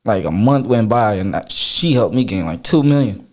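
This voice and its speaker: Chill guy with a lowish voice, slangy and loose, podcast guest. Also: lively intonation, normal speed. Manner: laid-back slangy storytelling. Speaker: guest YouTuber. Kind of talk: casual podcast chat.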